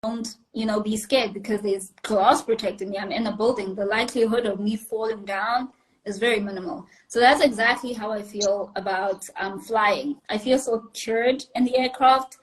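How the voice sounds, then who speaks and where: A woman's voice: medium pitch, steady tone, moderate pace, poor audio. Chatty woman pilot on a call. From South Africa. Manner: chatty, apologetic, laughs easily, explains step by step. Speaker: pilot being interviewed. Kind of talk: casual interview answers. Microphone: video call.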